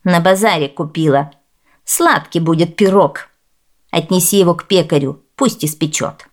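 A woman's voice: lowish voice, normal speed, lightly acted. A woman voicing a cruel, scheming stepmother who scolds and snaps. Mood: curt. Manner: gruff and scolding.

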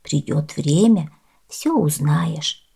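Woman doing a kindly old storybook granny: low, slow, soft. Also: animated, gravelly, slightly rough, heavily acted. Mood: gentle. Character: kind hunched old grandmother, gray-haired.

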